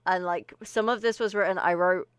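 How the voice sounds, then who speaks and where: A woman's voice: lowish voice, fairly even intonation, normal speed, clear, resonant tone, no echo, clean studio sound. A woman streamer chatting casually to her live audience, a little out of breath, rambling and often laughing. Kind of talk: casual livestream chat.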